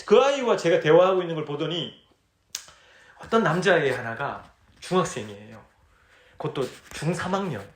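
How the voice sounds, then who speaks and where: Guy preaching at a retreat, high voice that jumps all over, chatty, keeps asking the crowd questions, echoey hall. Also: expressive, moderate pace, long pauses. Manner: conversational, asks the audience questions; acts out his own dialogue in stories. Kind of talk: sermon.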